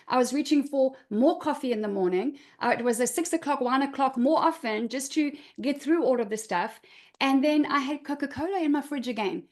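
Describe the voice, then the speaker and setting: A middle-aged woman, a confidence coach, earnestly telling a personal story on a video call and repeating her key points for emphasis. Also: fairly high pitch.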